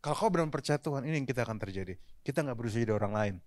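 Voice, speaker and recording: A male pastor preaching a live church sermon in an easy, conversational way, speaking straight to the congregation and dropping English phrases in as he goes. His voice sits at an average pitch. The sound is dry and close, with little room echo. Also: expressive, racing, a little mellow. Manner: addresses the congregation directly and often. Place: church service, recorded live.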